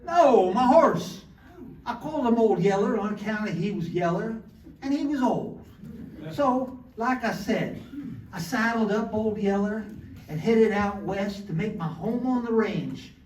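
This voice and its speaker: A man's voice: high-pitched, animated, measured pace, darkish tone. Man playing a folksy old cowboy prospector, echoey and distant. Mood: folksy, wistful. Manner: drawling, folksy Old West talk. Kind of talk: comic Western sketch dialogue. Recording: roomy, distant mic, faint noise.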